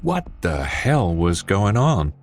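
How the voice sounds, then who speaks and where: A man's voice: low voice, sing-song, takes it slowly. A man narrating a horror story with a tense, dramatic reading. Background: faint music.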